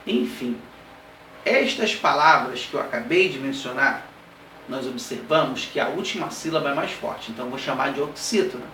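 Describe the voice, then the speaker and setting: A man's voice: medium pitch, lively intonation, sharp tone. Brazilian-Portuguese-speaking male teacher, echoey room. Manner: explains step by step, checks in often with "tá?" and "ok?"; spells out examples slowly, word by word. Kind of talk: exam-prep grammar lesson. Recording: roomy classroom sound, heard from a distance, light background noise.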